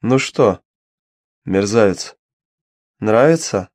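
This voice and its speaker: A man's voice: fairly low pitch, animated, slow pace, a little mellow, dry recording, clean studio sound. A man voicing a furious, vengeful young demoness noblewoman who speaks with spite and menace. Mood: angry, gloating.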